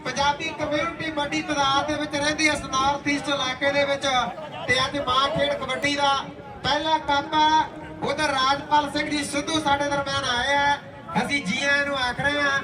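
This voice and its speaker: A man with a Punjabi accent calls a rural kabaddi match in a very high, fairly monotone pitch. He runs through raids and players with bits of verse. The sound is echoey and distant, with crowd noise around him. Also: moderate pace. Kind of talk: running rural sports commentary with recited verse. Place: outdoor sports ground.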